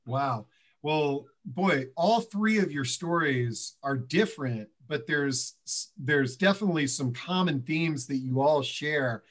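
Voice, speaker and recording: A middle-aged man hosting a live online discussion, halting and filled with ums as he introduces guests. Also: on the high side. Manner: halting, filler-heavy, gestures with both hands. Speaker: host and moderator. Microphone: headset on a video call.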